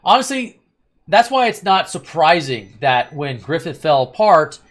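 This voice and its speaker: A man's voice: on the high side, sing-song, unhurried, fairly bright tone. A man hosting a casual anime review chat, rambling and opinionated with a sarcastic edge. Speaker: host of an anime review channel.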